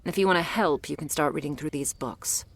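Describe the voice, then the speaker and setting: In a roleplay audio drama, a woman voices a jaded, prickly monster hunter who sounds grudging and weary. Her voice is low and gravelly, her delivery blunt and sardonic, and she talks a little fast.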